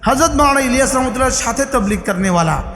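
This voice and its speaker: Bangladeshi male preacher, high voice, shouts for emphasis, quizzes the crowd, recorded in a big reverberant space. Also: animated, quick pace. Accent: Bangladeshi Bengali. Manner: calls on the crowd to answer back, rising to shouted emphasis. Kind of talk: sermon at a religious gathering. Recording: echoey hall, sound system.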